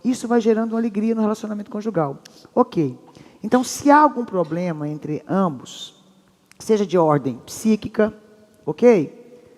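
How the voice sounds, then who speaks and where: A middle-aged woman who preaches with humor and speaks straight to the audience as a lively storyteller. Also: medium pitch, moderate pace. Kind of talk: humorous sermon teaching. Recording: long reverb of a large hall.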